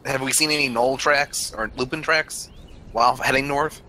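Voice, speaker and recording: A man's voice: medium pitch, steady tone, normal speed, bright, forceful tone. A man playing a tabletop game, speaking casually and jokingly with his fellow players. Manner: joking, laughs between lines.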